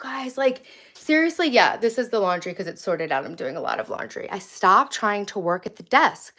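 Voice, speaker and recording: A woman's voice: mid-range voice, a bit bright. A woman live streamer chatting casually and rambling to viewers, blunt and easily sidetracked, her voice echoing in a room at home. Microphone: phone, moving around. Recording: echoing bare room, noisy.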